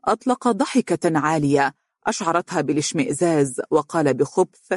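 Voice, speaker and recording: A narrator reading a novel aloud in a steady, clear way. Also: mid-range voice, a little fast, dry recording, studio quality.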